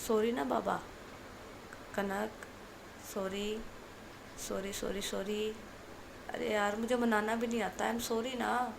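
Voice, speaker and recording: A woman voicing a young female student who softly and coaxingly pleads with her girlfriend in a hushed voice. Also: fairly high pitch, takes it slowly, creaky, long pauses, background noise. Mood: pleading.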